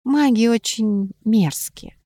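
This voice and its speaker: A woman's voice: a little high, slow pace, mellow, no echo. A woman reading aloud, voicing a confident young female witch who is scornful of mages, in a matter-of-fact way.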